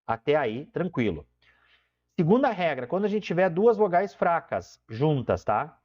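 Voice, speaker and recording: Lively male teacher. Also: on the high side. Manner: explains step by step, keeps checking in with "tá?"; drawn-out emphasis on key terms. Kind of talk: online lesson. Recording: dull lo-fi recording.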